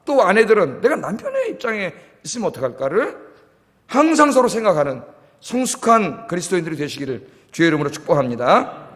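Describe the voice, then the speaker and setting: A man's voice: sits high, fairly bright tone. A male pastor preaching a sermon. He asks the congregation questions, answers them himself, and lets his voice fall almost to a whisper at the ends of phrases. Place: church sanctuary. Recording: long church reverb.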